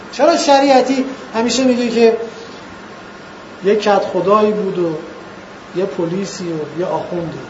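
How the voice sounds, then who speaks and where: Man, lecturer, very high pitch, rhetorical questions, echoey lecture hall, faint hiss. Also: a little mellow. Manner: earnest, rhetorical questions, slows for emphasis. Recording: echoey, dull lo-fi room recording.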